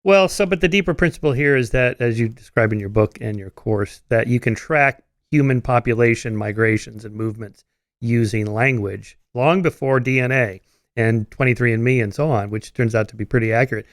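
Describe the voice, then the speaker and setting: Curious podcast host, dry sound. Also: male voice, medium pitch, brisk, no echo. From California. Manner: curious, asks follow-up questions, stammers a little. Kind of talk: podcast interview.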